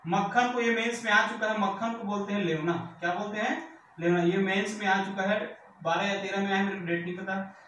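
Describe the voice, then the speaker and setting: High-pitched guy teaching vocab, keeps asking "clear?", sounds far off in a big echoey room with faint background noise. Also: fairly even intonation, a little fast, sharp tone. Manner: repeats words with rhetorical questions, checks "clear?". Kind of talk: exam-prep vocabulary lesson.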